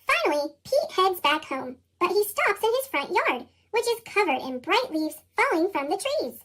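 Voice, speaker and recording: An American woman reads a children's storybook aloud with lots of expression, but her voice has been sped up into a very high chipmunk effect. Her pitch swings widely at a moderate pace, with a slightly bright tone, in a scripted narration meant for young kids.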